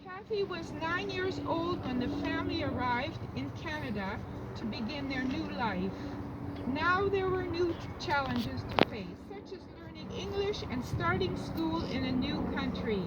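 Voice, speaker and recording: An older woman reading a prepared family eulogy in a measured, formal way. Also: sits high. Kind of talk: prepared funeral eulogy, read aloud. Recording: distant muffled mic, loud background noise.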